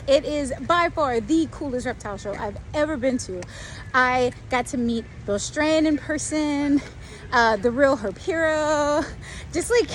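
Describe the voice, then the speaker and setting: A chatty woman talking in a casual vlog, her voice sitting a bit high. She sounds excitable and leans on casual slang. Steady noisy ambience runs behind her. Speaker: reptile keeper vlogger.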